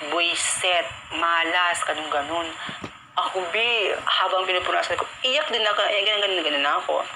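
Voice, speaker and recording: A man's voice: sits high, lively intonation, a little fast, creaky, noisy background. Emotional man telling a personal story. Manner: emotional, repetitive, mixes in English filler words. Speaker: live stream host. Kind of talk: casual live-stream storytelling.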